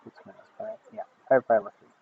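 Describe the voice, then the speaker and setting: A man teaching a recorded math lesson, talking steadily through each step of his working. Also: fast talker. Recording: tinny phone-like audio with faint noise.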